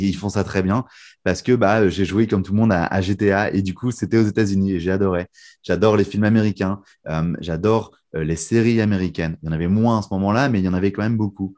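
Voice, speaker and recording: A young man from France talks freely as a guest in an interview. His voice sits fairly low, and he drifts along with easy fillers and restarts. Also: brisk. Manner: relaxed, many fillers and restarts. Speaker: guest magician. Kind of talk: casual interview chat.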